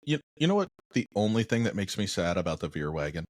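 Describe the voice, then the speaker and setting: A man's voice: deep voice, big pitch swings, fast talker. A man co-hosting a casual podcast, emphatic and wry, talking into a podcast microphone. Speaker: podcast co-host.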